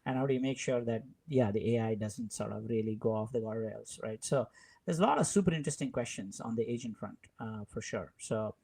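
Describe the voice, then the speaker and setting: A man co-hosting a tech podcast who chats in an easygoing way, laughs readily and leans on fillers like "uh" and "right?". His voice has a middle pitch. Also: brisk, creaky, dark tone, slightly rough. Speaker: podcast co-host. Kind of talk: casual chat.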